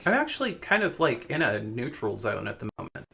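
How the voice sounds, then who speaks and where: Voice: medium pitch, very animated, fairly quick, creaky, crowd noise. A participant in a group session casually describing impressions, searching for words and often saying "like". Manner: hesitant, searching for words, frequent "like". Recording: noisy room with ambience.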